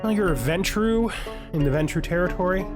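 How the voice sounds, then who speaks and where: Over background music, a man hosting a gaming video offers relaxed let's-play commentary, speaking in fragments and questioning himself as he goes. His high voice is expressive and fairly quick.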